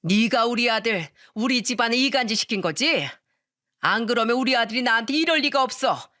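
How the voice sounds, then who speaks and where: A woman's voice: medium pitch, animated, moderate pace, a bit bright, no room sound, studio quality, lightly acted. A woman voicing a pushy, scheming middle-aged mother-in-law in a narrated radio story, demanding and accusing.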